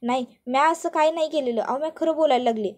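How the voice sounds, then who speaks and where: A melodramatic village mother pleads and protests in a high, raised wail, as a woman narrator puts her on. She begs and swears her innocence in a rustic, theatrical manner. The voice sits high and carries well. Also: quick pace, darkish tone, close to an everyday voice. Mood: pleading wail. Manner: pleading, protesting, theatrical wailing in rural dialect. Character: melodramatic wailing village mother-in-law, middle-aged woman.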